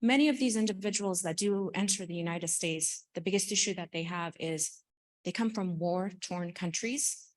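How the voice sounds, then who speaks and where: A woman's voice: fairly low pitch, normal speed. A woman from Afghanistan answering as a panelist at a conference, speaking earnestly and with animation. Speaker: panelist, credit union financial wellness partner. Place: conference room.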